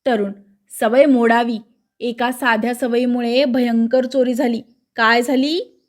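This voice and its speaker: A woman reading the part of a brisk, bossy young male police inspector who questions everyone sharply. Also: a little high, steady tone. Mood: stern.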